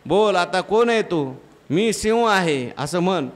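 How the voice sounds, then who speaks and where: A man's voice: high voice, expressive, a little slow, voice pushed up. Patient coaxing lion in a story, man preaching does him, pretty close to his own voice. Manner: persuasive, coaxing. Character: wise male lion coaxing a lost cub.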